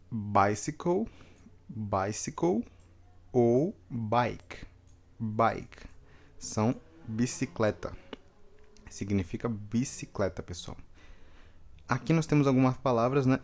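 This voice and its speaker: A native Portuguese-speaking man teaches English vocabulary at an unhurried, deliberate pace. He says each word several times and pauses often to check that his students are following. His voice sits at an ordinary middle pitch. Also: darkish tone. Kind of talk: vocabulary lesson with repetition drills.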